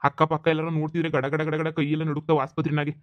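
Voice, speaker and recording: A man's voice: fairly high pitch, completely flat delivery, fast talker, no echo, natural voice. A man voicing a doubtful, exasperated young man in a cartoon comedy, arguing back. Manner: skeptical, argues back. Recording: slightly dull lo-fi sound.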